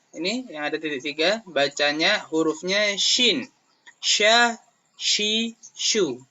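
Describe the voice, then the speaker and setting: A man's voice: a little high, pushed and bright. Indonesian man teaching Arabic drills. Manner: drawn-out, emphatic pronunciation drills. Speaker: Arabic teacher for young pupils. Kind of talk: classroom lesson video. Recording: dull lo-fi sound.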